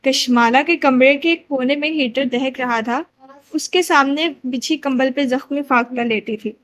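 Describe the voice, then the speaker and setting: A woman with a high voice narrates a romance novel aloud. Her reading is expressive, storytelling style. It is a steady audiobook delivery.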